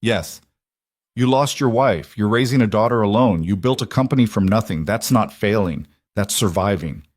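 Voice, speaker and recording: A man's voice: on the low side, animated, normal speed, no echo. A man voicing a tired, frank single mom. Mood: gentle. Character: weary single mother, blunt and tender.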